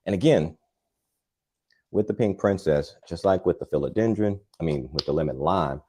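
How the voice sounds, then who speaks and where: Very deep, dark-toned calm man. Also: a little hiss or hum. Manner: calm, soothing, unhurried; chatty and rambling, with many fillers. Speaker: gardening channel host. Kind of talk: live repotting demo, casual chat.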